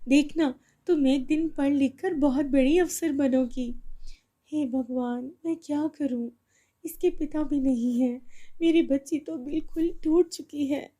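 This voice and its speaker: Storybook mother, caring and anxious, soothing tone, mellow voice, as a woman puts her on. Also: sits high, measured pace, pitched above the performer's own voice. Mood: despairing. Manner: soothing, pleading. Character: worried, loving widowed mother.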